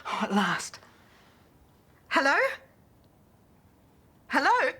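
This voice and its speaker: A middle-aged mother in a television soap, overwhelmed and close to tears. Her voice is high and swoops widely, and she speaks very slowly. It has a bright edge. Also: huge pitch swings, exaggerated voice. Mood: anxious. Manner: strained, slow and emotional. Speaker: mother reaching her son abroad.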